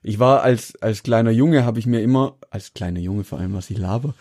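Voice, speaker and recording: Mellow-voiced man, rambling anecdotes. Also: on the low side, a little fast, no room sound. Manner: rambling anecdotal storyteller, laughs often. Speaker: podcast co-host. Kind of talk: casual chat.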